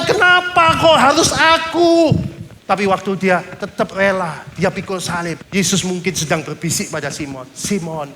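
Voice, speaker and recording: A man preaching a sermon with a high, bright voice. He is emphatic and punctuates his points with calls of amen. A faint hiss sits under his voice. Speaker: pastor.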